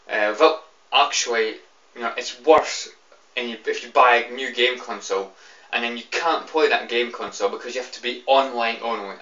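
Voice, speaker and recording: Young man, British accent, drunk rambling rant, irritated, bright forceful voice, distant mic. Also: mid-range voice. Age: young adult. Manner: annoyed, repetitive, rambling, swearing. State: tipsy, drunk. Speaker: video game fan giving opinions. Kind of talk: casual off-the-cuff rant to camera. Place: small room indoors. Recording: roomy, distant, slightly dull webcam sound.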